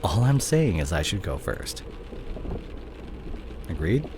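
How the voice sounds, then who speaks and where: In an intimate, dramatic roleplay audio drama, a man plays a cheating CEO boyfriend who has fallen from grace, smooth-talking, evasive, and obsessed with his image. His low-pitched voice swings widely in pitch at a slow pace, heavily acted, in a tender, confessing mood. Background noise is present.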